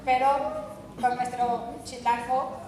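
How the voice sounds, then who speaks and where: A woman giving an informal, explanatory conference presentation, pausing now and then to search for her words. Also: fairly high pitch, huge pitch swings, a loud crowd. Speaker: game company presenter. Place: large event hall. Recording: very echoey hall with faint noise.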